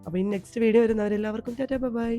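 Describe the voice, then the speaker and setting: Hoarse chatty Malayali woman vlogger. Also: fairly high pitch, steady tone, very fast, faint music behind. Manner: chatty, homely, tags sentences with a soft "ട്ടോ". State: hoarse, sick with a cold. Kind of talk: home vlog voice-over. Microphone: voice-over recorded at home.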